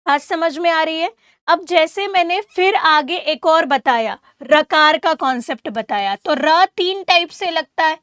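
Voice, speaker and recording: A woman teacher giving an exam-prep grammar lesson. She asks questions and answers them herself, spells sounds out slowly for her students, and sets them homework. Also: extremely high pitch, a bit bright, no echo, studio quality. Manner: addresses students as "beta", gives homework.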